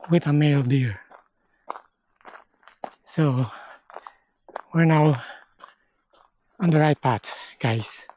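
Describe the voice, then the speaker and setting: A man from the Philippines vlogging a forest hike, explaining things slowly in short halting phrases, sometimes out of breath. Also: fairly high pitch, darkish tone, a little hiss or hum. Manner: slow, halting, explains step by step. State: out of breath at times. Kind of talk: casual hiking vlog. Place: outdoors on a forest trail.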